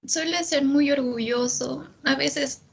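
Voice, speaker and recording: A woman's voice: high voice, fairly even intonation, takes it slowly, gravelly. A young woman student answering her teacher hesitantly in an online class. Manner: hesitant, nervous laughs.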